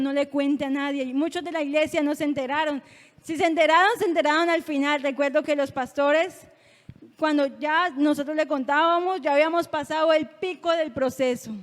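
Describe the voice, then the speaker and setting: A young woman with a high, light voice tells her faith testimony in a halting, emotional way, often stumbling and restarting. Her words ring out with the long reverb of a church sanctuary. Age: young adult. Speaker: church youth member giving testimony.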